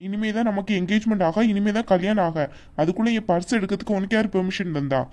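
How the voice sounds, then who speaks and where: A woman's voice: medium pitch, fast, darkish tone, lightly acted. A woman voicing a hot-tempered young man in a cartoon, scolding his family with indignant outbursts. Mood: annoyed. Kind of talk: animated cartoon voice acting.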